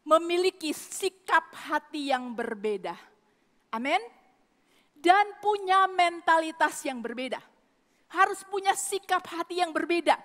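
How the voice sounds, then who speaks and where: A woman's voice: high voice, a bit bright. A woman preacher giving an emphatic sermon to a congregation, repeating her phrases. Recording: long hall reverb.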